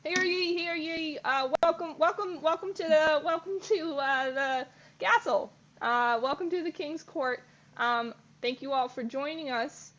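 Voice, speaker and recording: A woman's voice: high voice, a little slow, fairly bright tone. A woman playing an eager young peasant boy who stumbles nervously through announcements. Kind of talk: improvised comedy acting. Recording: dull lo-fi recording, faint noise.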